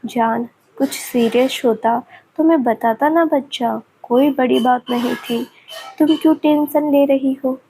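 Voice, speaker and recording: A woman's voice: high-pitched, fairly even intonation, unhurried, slight background noise, rough recording. A woman voicing a tender, soothing young husband. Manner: soft and soothing. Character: tender caring young man, loving husband.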